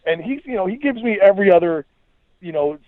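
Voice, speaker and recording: Talking fast in a high, expressive voice, a man who is a musician and writer appears as a podcast guest, delivering emphatic, opinionated rants in slangy conversational speech. The thin, phone-like line has no echo.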